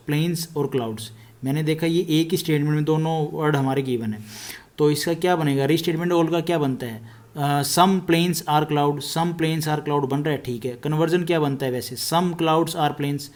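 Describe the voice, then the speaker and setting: In a fairly high, slightly mellow voice, a man teaches an exam-prep reasoning lesson. He explains step by step, slowly repeating each statement along with the relevant terms.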